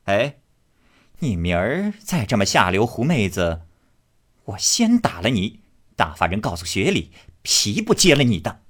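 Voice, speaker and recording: A man's voice: on the low side, big pitch swings, unhurried. A man voicing a bossy, domineering young matriarch in a storybook reading, scolding and commanding.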